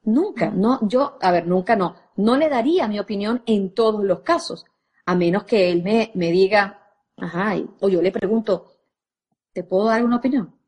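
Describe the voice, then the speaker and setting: A woman's voice: medium pitch, moderate pace, a little mellow, slightly rough. A woman parenting coach, speaking expressively and directly to a live audience.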